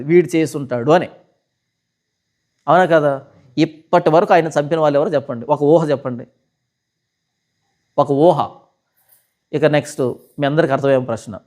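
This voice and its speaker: A man, a pastor answering questions in a heated session, who argues hard and keeps firing rhetorical questions. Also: on the high side. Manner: argumentative, fires rhetorical questions.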